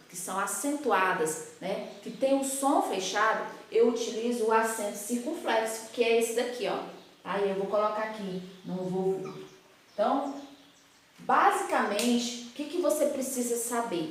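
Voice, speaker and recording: Brazilian teacher in a very echoey room. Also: female voice, high-pitched. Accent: Brazilian Portuguese. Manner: patient, explains slowly with many tag questions. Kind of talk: recorded classroom lesson for children.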